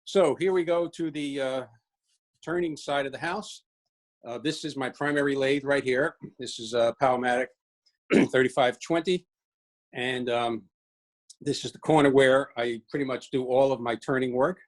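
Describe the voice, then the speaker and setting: In a basement-style workshop at home, a sixties-aged New Yorker from Brooklyn walks viewers through the space informally, hesitating and poking fun at himself. He speaks at medium pitch and normal speed, first into a webcam and later into a handheld phone.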